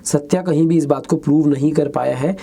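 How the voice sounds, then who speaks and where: A man giving an exam-prep lecture, mixing Hindi and English, reading questions out slowly and adding chatty asides. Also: on the high side, steady tone, creaky, warm tone.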